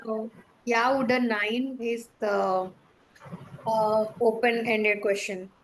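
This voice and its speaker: A woman's voice: on the high side, fairly even intonation, slow pace, a little hiss or hum, rough recording. A woman student asking a hesitant question in an online class. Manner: hesitant, with fillers.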